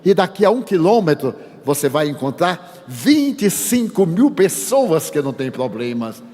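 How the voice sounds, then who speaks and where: An older man voicing a calm preacher giving measured, wry advice. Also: a little high. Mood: dry. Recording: long hall reverb.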